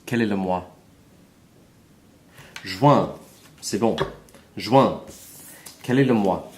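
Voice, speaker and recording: Man, French teacher, very slow deliberate delivery, spells out every letter, repeats each word. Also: lowish voice. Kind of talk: slow spelling lesson for learners.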